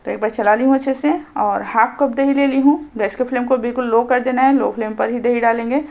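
A woman narrates a home recipe in a calm, instructive voice. She explains each step plainly as she cooks. Her voice sits a little higher than most women's. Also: a little fast. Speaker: cooking channel host.

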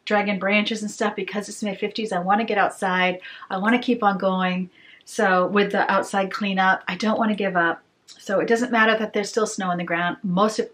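Chatty middle-aged mom vlogging at home. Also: female voice, mid-range voice, fairly bright tone. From Maine, USA. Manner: upbeat, rambling, talks while cleaning. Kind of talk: casual chatty vlog. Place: bedroom, then small bathroom.

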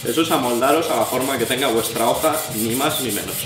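A knife sharpening instructor from Albacete, Spain, with a La Mancha Spanish accent, explains step by step how to sharpen a blade as he works a stone at a table indoors. His medium-pitched voice moves fast, practical and thinking aloud. The recording sounds roomy and distant, with background noise and blade scraping on stone.

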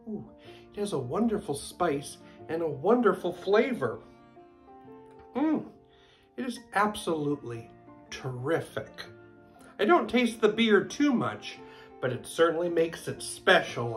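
Man, thirties, cooking host, very lively swinging pitch, slow unhurried delivery, home kitchen, faint music behind. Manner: animated, gushing exclamations. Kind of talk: casual cooking demonstration. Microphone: camera at close range.

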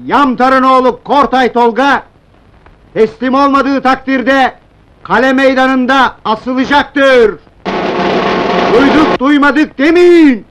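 An actor playing a town crier in an old historical film, proclaiming formally in loud, drawn-out calls. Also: male voice, very high voice, a little hiss or hum, exaggerated voice. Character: male town crier calling out a royal decree. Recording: echoey old film dub with music.

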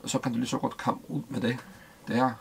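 A middle-aged man from Denmark interviewing casually in a small boat cabin, halting and repeating words. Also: medium pitch, flat delivery, creaky, slight background noise.

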